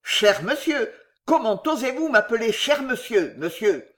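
A woman's voice: fairly high pitch, unhurried, pitched above the performer's own voice. A woman playing a furious pompous editor. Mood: indignant. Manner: indignant shouting, then forced calm. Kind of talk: audiobook character voice.

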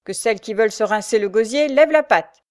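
A woman voicing a gruff, bossy male army sergeant who barks orders loudly, reading a storybook. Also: on the high side, lively intonation, fast talker, natural voice. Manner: barking orders, loud and rough.

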